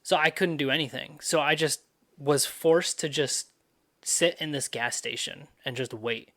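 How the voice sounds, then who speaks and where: A man's voice: on the high side, unhurried, fairly bright tone. A young man hosting a podcast, telling a story in a loose, profane, casual way full of fillers. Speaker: podcast host.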